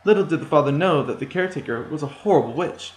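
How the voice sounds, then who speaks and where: A man's voice: on the high side, animated, quick pace. A man, a student, telling a rewritten fairy tale in a plain, slightly hesitant way. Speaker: storytelling student. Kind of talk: storytelling. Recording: echoey room.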